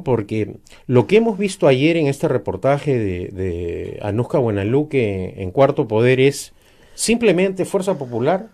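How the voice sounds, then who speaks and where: A man's voice: fairly high pitch, a little mellow. A man, giving emphatic, critical political commentary in a discussion, with frequent "eh" fillers.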